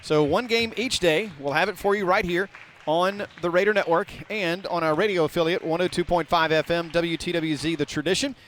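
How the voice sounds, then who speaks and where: A middle-aged man, giving folksy, rambling play-by-play of a high school basketball game in a small gym. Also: steady tone, a little fast, hardly any pauses, fairly bright tone, slight background noise. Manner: folksy, rambling, talks to viewers directly. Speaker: play-by-play announcer.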